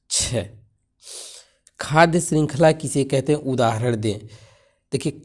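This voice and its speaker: Male teacher, slow and mellow, walks through exam answers, quizzes himself and repeats the key terms. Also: mid-range voice. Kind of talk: exam-paper lesson.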